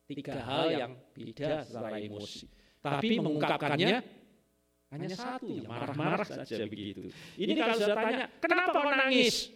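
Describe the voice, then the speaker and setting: Male preacher, slightly high voice, very animated delivery, keeps asking the congregation questions. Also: moderate pace. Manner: rhetorical questions to the congregation with frequent "ya"; animated, sudden loud emphatic rises. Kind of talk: sermon.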